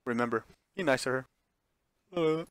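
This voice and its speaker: Streaming a visual novel, a man reads it aloud in a live playthrough, tossing in offhand reactions and correcting himself when he stumbles over words. His mid-range voice moves at a moderate pace, and the recording is dry.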